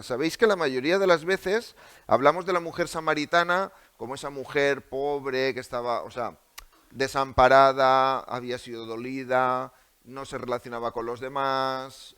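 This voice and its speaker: A man's voice: medium pitch, creaky, a bit bright. A male preacher with a Spanish accent delivering a sermon in a church, asking the congregation many rhetorical questions. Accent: Spain.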